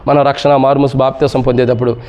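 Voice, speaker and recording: A man's voice: mid-range voice, flat delivery, fast talker, darkish tone, lo-fi sound. A man preaching a worship sermon, telling a story that rises to fervent emphasis.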